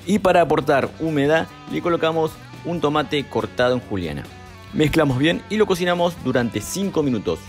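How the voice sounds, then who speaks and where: A young man, calmly narrating a cooking recipe step by step as a voice-over, with music behind him. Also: on the high side. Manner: calm step-by-step instructions. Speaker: cooking channel host.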